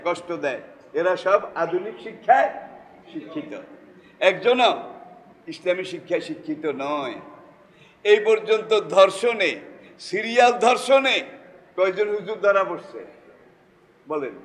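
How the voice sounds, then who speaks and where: A Bangladeshi man delivers a Friday sermon in a Bengali accent, his voice sitting high for a man. He keeps turning to the congregation with rhetorical questions. A long reverb trails each phrase through the hall. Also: animated, normal speed, long pauses, a bit bright. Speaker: preacher.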